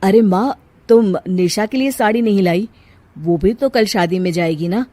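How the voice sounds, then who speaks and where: A woman voicing a patient, meek young husband who speaks softly and calmly, for a cartoon. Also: mid-range voice, moderate pace, dry recording, natural voice. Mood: gentle. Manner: soft, calming.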